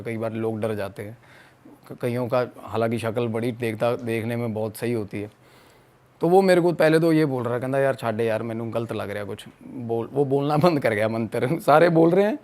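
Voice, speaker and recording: Animated young man telling a spooky story. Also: medium pitch. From Punjab. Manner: animated, acts out friends' quotes. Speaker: podcast guest storyteller. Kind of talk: casual storytelling chat.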